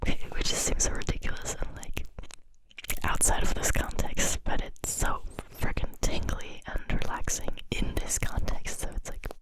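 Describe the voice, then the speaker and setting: Close breathy ASMR whisper, word repetition. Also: low-quality recording. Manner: soft, slow repetitive whispering of single words; chatty asides between repetitions. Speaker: ASMR creator. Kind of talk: ASMR whispering with trigger words.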